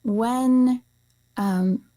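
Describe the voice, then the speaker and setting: A woman from Iceland, a nutrition practitioner appearing as an interview guest, explains things casually and conversationally. Her voice is a little high and dark in tone, and she speaks very slowly.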